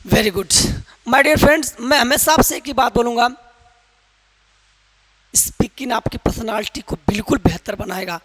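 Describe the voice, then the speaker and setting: A man teaching English pronunciation in a loud, emphatic classroom manner, quizzing his viewers with repeated questions. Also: extremely high pitch, moderate pace, pauses often, long reverb tail. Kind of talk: classroom lesson in Hindi with some English.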